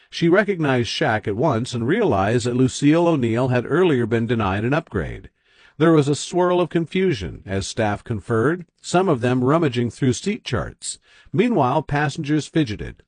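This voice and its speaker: Husky-voiced male story narrator. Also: medium pitch, a little mellow, no room sound. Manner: dramatic storytelling.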